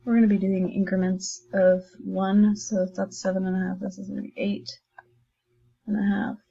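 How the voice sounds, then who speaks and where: A woman teacher walks her students through math problems in a recorded online lesson, chatting and encouraging them as she writes. Her voice is dark and gravelly, with a husky edge. The recording sounds dull and lo-fi. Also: medium pitch, little pitch movement, moderate pace. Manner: chatty, encouraging, thinks aloud while writing.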